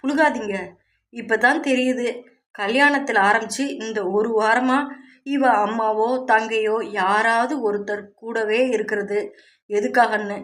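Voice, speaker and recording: நாவல் வாசிப்பில் ஏளனம் கொப்பளிக்கும், அதிகாரம் செய்யும் இளம் ஓரகத்தி, ஒரு பெண் நடித்துக் காட்டுகிறார். அவள் குரலில் கேலியும் கூர்மையும் உள்ளது, குரல் சற்று உயரமானது. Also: female voice, on the high side, fairly even intonation, measured pace, fairly bright tone. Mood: scornful. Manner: scornful, bossy. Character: sharp-tongued mocking young sister-in-law.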